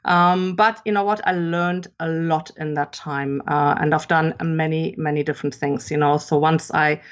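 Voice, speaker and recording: A woman's voice: deep voice, fairly even intonation, normal speed, clean tone. A middle-aged woman from Germany with a German accent, a podcast guest chatting in a rambling way with many fillers. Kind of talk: casual interview chat. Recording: dull lo-fi sound.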